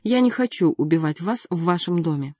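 A woman reading an audiobook voices a calm, ironic young male courtier who teases his opponent. Dry, close recording. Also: on the low side, fairly quick, no echo. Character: mocking, cool-headed young male courtier.

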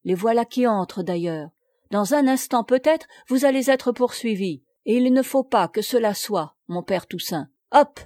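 A woman's voice: fairly high pitch, lively intonation, moderate pace, warm tone, dry recording, clean studio sound, natural voice. A woman doing a sly cocky peasant boy. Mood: urgent.

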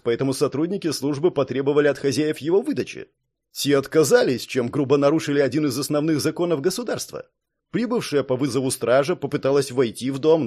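A man's voice: on the high side, a little mellow. A man doing an urgent secretary giving a report. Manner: brisk formal report.

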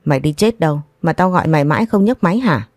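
A woman voicing a shrill, scolding older mother-in-law in an audio story. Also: animated, fast, a little mellow, dry recording, clean studio sound. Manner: screaming, scolding.

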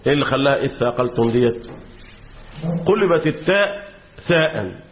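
Egyptian sheikh lecturing over a tinny line. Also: male voice, medium pitch, lively intonation, fairly quick. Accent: Egyptian Arabic. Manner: keeps quizzing his class with fill-in questions and repeats key words. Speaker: sheikh teaching Quran commentary. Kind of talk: classroom lecture. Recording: tinny lo-fi phone-like recording.

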